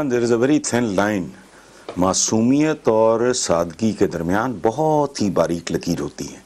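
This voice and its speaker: A man's voice: on the low side, slightly rough. A man, a political commentator arguing emphatically and slipping English phrases into his talk. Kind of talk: heated talk show debate.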